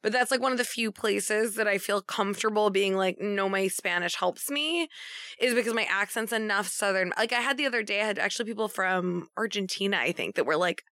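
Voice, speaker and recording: A woman's voice: mid-range voice, fairly quick, bright, forceful tone, no room sound. Informal woman in casual, close-miked chat. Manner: informal, swears freely.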